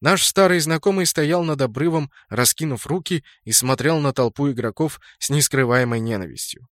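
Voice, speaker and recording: A man's voice: medium pitch, moderate pace, fairly bright tone, no echo, clean studio sound. A man reading scripted fantasy game fiction as an audiobook narrator.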